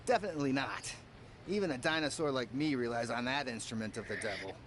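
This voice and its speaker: A man's voice: medium pitch, fast talker, a little hiss or hum, lightly acted. A man playing a helpful older cameraman. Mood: advising. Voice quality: calm, explaining patiently. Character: friendly veteran male cameraman, helpful mentor. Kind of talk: video game dialogue.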